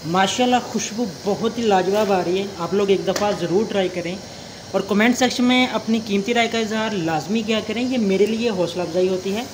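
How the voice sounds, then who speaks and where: A man's voice: sits high, brisk, noisy background. Polite young man hosting a cooking vlog. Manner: polite, formal, with religious greetings. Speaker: cooking channel host. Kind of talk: step-by-step cooking tutorial.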